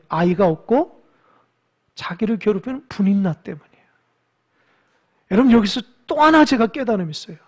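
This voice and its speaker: A pastor preaching a sermon in a lively way, putting questions to the congregation and exhorting them. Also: medium pitch. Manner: animated, asks the congregation questions; exhorting, with quiet stretches.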